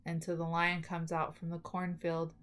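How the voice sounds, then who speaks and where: A woman talking with new dental braces, giving a halting spoken summary as a student presenter, often correcting herself. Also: lowish voice, completely flat delivery, a bit bright. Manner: halting, with self-corrections and trailing restarts. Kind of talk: spoken film summary for a class video.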